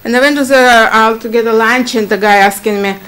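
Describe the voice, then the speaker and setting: A middle-aged woman from Ukraine with a Ukrainian accent, giving chatty, halting testimony full of fillers at a standing microphone in a town meeting. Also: a little high, fairly even intonation, fairly bright tone, clean tone. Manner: chatty, halting, many fillers, laughs easily. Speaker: applicant at a public hearing.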